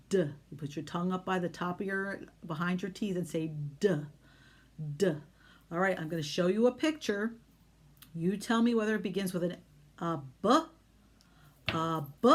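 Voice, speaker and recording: A woman teaching young children phonics, slowly modeling sounds in an exaggerated way and asking encouraging questions. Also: on the low side. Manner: encouraging, question-and-answer talk with pauses.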